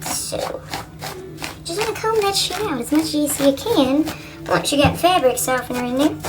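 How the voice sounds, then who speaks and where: High-voiced woman chatting slangy and profane. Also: distant mic, low-quality recording. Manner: slangy and profane, keeps asking "you know?"; joking, self-mocking. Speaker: vlogger demonstrating a how-to. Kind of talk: casual tutorial chat.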